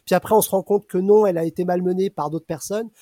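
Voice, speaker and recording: A man's voice: high voice, steady tone, fast talker, dark tone, dry recording, studio quality. A man reviewing a comic in casual radio chat, hesitant with fillers.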